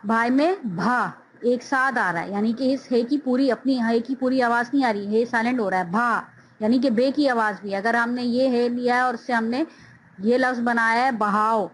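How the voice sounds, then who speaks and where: A woman's voice: fairly high pitch, moderate pace, slight background noise, poor audio. A woman teaching a phonics lesson, drawing out each syllable with careful enunciation.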